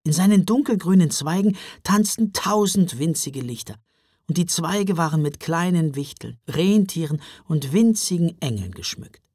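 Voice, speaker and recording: A man narrating a children's story in an expressive, storybook manner. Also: fairly high pitch, moderate pace, no echo, clean studio sound. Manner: expressive, wide-ranging delivery.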